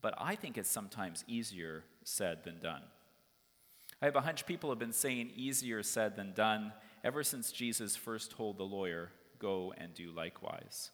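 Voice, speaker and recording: A man delivers a sermon from the pulpit, his voice sitting a little low. He talks through the story in a relaxed, conversational way, sometimes stopping on an "uh". The church around him adds a long, ringing reverb. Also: normal speed. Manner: conversational, storytelling, with occasional fillers. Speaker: pastor. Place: church sanctuary.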